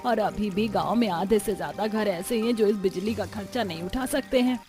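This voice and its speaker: In a cartoon story, a woman voices earnest, plaintive village housewives and mothers-in-law, delivering her lines expressively and emphatically. Her mid-range voice sounds concerned and close to everyday speech, moving briskly over music.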